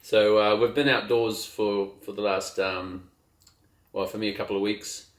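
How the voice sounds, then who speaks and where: Recorded outdoors during a trip, this casual interview features a sailing captain from New Zealand, a middle-aged guest with a low, unhurried voice. He's relaxed yet hesitant, breaking off and restarting ideas with many fillers, and the sound carries a roomy echo.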